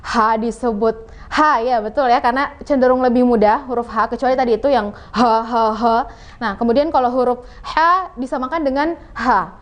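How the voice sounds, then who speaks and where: A woman teaching Quran recitation on a television program, patiently explaining and repeating sounds slowly for learners. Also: on the high side. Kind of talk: televised religious lesson.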